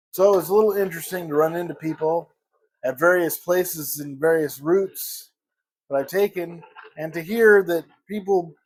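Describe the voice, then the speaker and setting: A man vlogging a casual morning chat at home, rambling and pausing to search for the right word. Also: on the high side. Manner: rambling, pauses to search for words.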